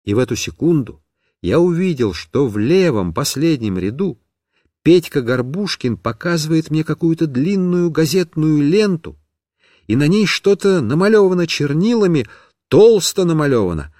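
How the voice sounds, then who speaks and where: A man reading a comic children's story aloud in the first person, with expressive delivery. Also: a little high, moderate pace, no room sound, studio quality.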